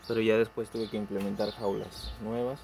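A man's voice: lowish voice, normal speed, vocal fry. A man chatting casually in a vlog about raising rabbits, speaking on a phone camera outdoors by his hutches. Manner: chatty and relaxed, coos softly to baby rabbits. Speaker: rabbit breeder vlogger. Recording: noisy outdoor phone recording.

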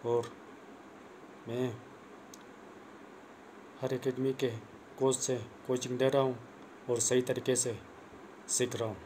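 A man's voice: medium pitch, flat delivery, slow pace, long pauses, mellow, slight background noise. A young man, giving a plain, repetitive cricket bowling tutorial into a lapel mic in a small room. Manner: plain, repetitive, earnest instruction. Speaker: cricket coach vlogger. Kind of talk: casual spoken tutorial. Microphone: clip-on lapel mic, phone camera close.

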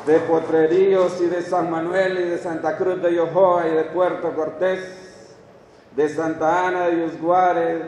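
A man's voice: a little high, a little mellow, slight background noise. A man in his fifties with a Honduran accent gives a formal ceremonial speech at a lectern. He reads long lists of towns and names from a page and adds brief asides. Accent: Honduran Spanish. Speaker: official speaker at a graduation ceremony. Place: large indoor hall, at a lectern. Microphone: lectern microphone. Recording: echoey hall recorded from a distance.

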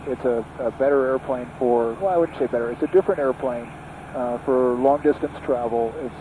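A middle-aged man with a voice of ordinary pitch talks casually through a headset boom mic in the cockpit of a small plane in flight. He reviews the aircraft thoughtfully and often restarts his sentences. A loud engine drone runs steadily underneath his voice. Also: a little fast, background noise. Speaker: aviation magazine reviewer.

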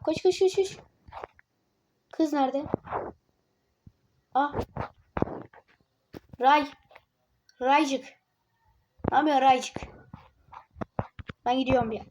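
A woman giving casual gameplay commentary, excitable, teasing other players and yelping or muttering to herself while she plays. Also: sits high, drawn-out words, long pauses, slight background noise. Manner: excitable, yelps and mutters to self while playing. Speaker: gaming video creator.

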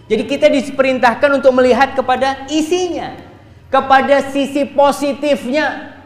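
Guy preaching to a big crowd, gets loud then drops quiet, lots of hall echo. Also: extremely high pitch, normal speed. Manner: animated, swinging between loud exclamations and quiet asides; addresses the congregation directly. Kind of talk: sermon. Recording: echoey hall with long reverb.

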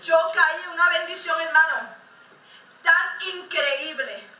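A woman's voice: very high voice, slow, pushed and bright. A woman giving an impassioned testimony sermon at a church service, exhorting the congregation. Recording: echoey room, mic far off.

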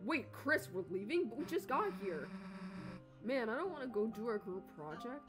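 A woman's voice: fairly high pitch, sing-song, moderate pace, music in the background. A woman voicing a brash, sarcastic teenage monster girl in a video game, blunt and slangy.

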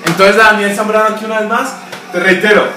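A young man giving casual, energetic voice-coaching tips straight to the viewer in a vlog, calling him "amigo" as he goes. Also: high-pitched, fast talker, noisy background. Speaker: voice coach vlogger. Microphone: camera mic at a distance. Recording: echoey room, voice far from mic.

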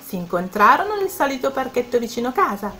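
Lively woman reading a kids' story. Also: fairly high pitch, brisk. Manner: animated, speaks directly to the children. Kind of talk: children's bedtime story narration.

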